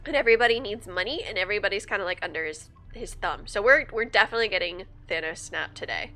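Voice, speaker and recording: A young woman livestreams a game while sick, sniffling through a stuffy nose yet chatty and upbeat, thinking aloud and laughing often. Her medium-pitched voice is fast and sharp, with faint music behind.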